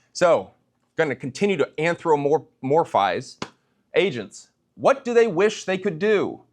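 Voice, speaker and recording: Addressing a tech meetup audience as a startup founder, a man speaks conversationally and directly, throwing out rhetorical questions. His voice is on the high side.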